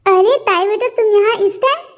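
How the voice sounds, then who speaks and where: A woman's voice: extremely high pitch, moderate pace, highs cut off. A woman voicing a caring, protective mother in a fan-dubbed romance story. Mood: doting. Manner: doting. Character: caring middle-aged mother, fussing and protective.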